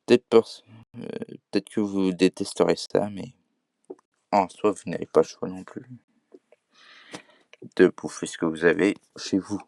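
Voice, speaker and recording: A man's voice: low voice, vocal fry, darkish tone, dry recording. A man with a Québécois accent talking casually to camera in a vlog, hesitant, with many fillers and restarts. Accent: Québécois French. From Quebec. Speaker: vlogger.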